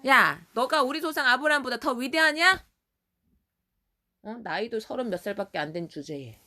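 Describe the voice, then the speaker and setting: A woman voicing a jeering, angry crowd of men who mock and shout in a storybook retelling. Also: lowish voice, expressive, fast talker. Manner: mocking, scornful, shouting.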